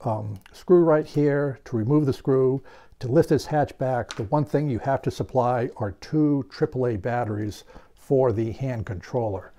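A man's voice: mid-range voice, a little slow, warm tone. An older man giving a hands-on product tutorial in his home workshop, explaining steadily and stressing key points. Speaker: hobby reviewer.

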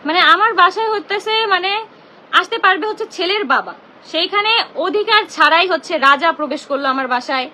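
A young woman speaks into her phone on a live stream from home. Her voice sits very high and sounds bright and tense. She talks fast and hammers the same grievances again and again. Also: lively intonation, a little hiss or hum. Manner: indignant, confrontational, repeats herself. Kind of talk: emotional live-stream rant.

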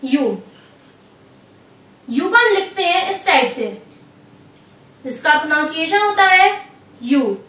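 A woman teaching a language lesson, going slowly and patiently through each letter and repeating it. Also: extremely high pitch, animated, pushed and bright, roomy sound, recorded from a distance.

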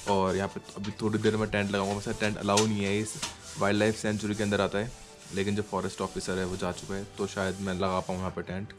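Over music, a man in his thirties talks quickly and monotonously in a lowish voice while vlogging his travels outdoors on a handheld camera. The mountain roads and villages set the scene, and his friendly, informal chat keeps addressing viewers and locals as "brother."

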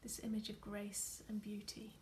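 A woman leading a gentle guided meditation while folding paper, talking softly with many fillers and often dropping to a near whisper. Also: medium pitch, monotone, normal speed, slight background noise. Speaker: meditation leader. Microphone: computer or phone camera.

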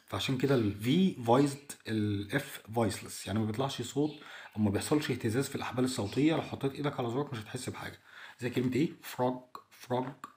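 A man with an Egyptian Arabic accent, explaining an English textbook lesson in a chatty way, saying each English word slowly and translating it. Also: medium pitch, a little mellow. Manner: chatty, addresses the listener directly. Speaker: English teacher.

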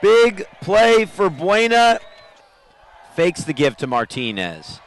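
A high-pitched man calls a night football game play by play. His voice climbs into loud, excited calls whenever a big play breaks. He sounds like he is at an outdoor stadium. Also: slow pace, a faint crowd. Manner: excited calls that rise sharply on big plays. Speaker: play-by-play announcer. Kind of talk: live football commentary.

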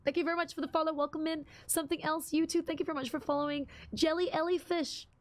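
A young woman of half English, half Bruneian background streams a game, greeting viewers and reading chat aloud with many ums. Her voice sits high, her tone is steady and her pace is quick.

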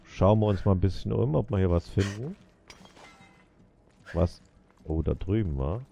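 A man's voice: deep voice, expressive, measured pace, vocal fry, warm tone. A man casually commenting while playing a video game, muttering to himself and talking to the characters on screen. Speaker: let's play gamer.

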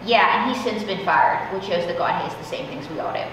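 A woman's voice: lowish voice, a little fast. A young woman chatting casually and emphatically as a comedian being interviewed on stage. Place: indoor theater stage. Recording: echoey hall, distant, faint noise.

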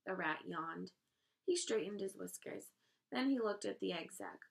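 A woman reads a children's novel aloud, steady and expressive in her narration. Her voice sits mid-pitch for a woman, with a gravelly fry in it. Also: unhurried. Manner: expressive storytelling. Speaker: reader.

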